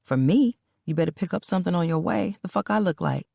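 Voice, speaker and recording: A woman's voice: lowish voice, lively intonation, fast, vocal fry, dark tone, no echo, clean studio sound, exaggerated voice. A woman voicing a huge, scowling man who talks coolly and persuasively, in a storybook reading. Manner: cool, level, persuasive.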